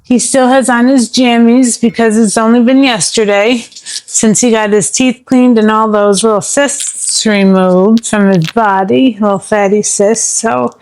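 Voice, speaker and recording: A woman with a voice on the high side gives a casual cooking tutorial from home, showing a recipe with a relaxed, chatty manner and small asides. She's a home cook and vlogger who pauses to talk to her pet mid-recipe, and the recording is rough.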